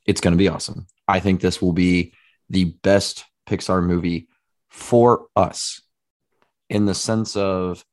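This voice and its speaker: Brief: male co-host, very low voice, eager casual talk full of fillers. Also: fairly even intonation, measured pace. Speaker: podcast co-host. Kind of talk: casual chat.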